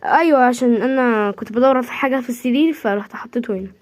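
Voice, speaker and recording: A creator voices every part of her homemade role-play series herself, hopping quickly from one character to another in Egyptian-accented Arabic. Throughout, her voice sits high and moves at a brisk, playful clip.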